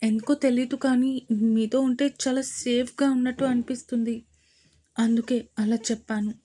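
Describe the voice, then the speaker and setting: A woman's voice: a little high, fairly even intonation, normal speed, natural voice. A woman voicing an earnest, hurt young wife. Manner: soft, earnest, tearful.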